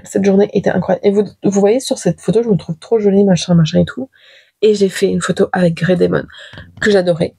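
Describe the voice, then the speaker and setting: Young woman rambling on her podcast from her bedroom, warm kinda husky voice, lots of fillers. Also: medium pitch, no room sound. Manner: chatty and rambling, many fillers and restarts. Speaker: podcast host. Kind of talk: casual confessional podcast talk.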